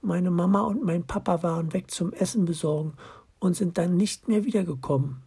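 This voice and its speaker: A timid little hedgehog child speaks in a soft, gentle voice, as a man reading a storybook puts it on. The voice sits well above a man's usual register and carries a breathy, husky edge. It sounds small and lost. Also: high voice, moderate pace, voice pushed up, exaggerated voice. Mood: sad.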